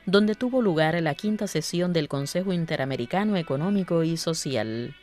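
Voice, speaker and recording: A female Cuban radio announcer with a fairly low voice narrates a scripted series clearly and formally. Faint music runs under her reading. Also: expressive, normal speed, darkish tone.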